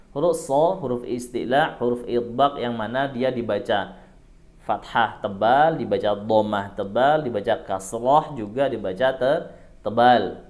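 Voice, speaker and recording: Slow, patient male recitation teacher. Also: medium pitch, darkish tone. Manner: patient, explains step by step and repeats sounds for learners. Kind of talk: tajwid lesson.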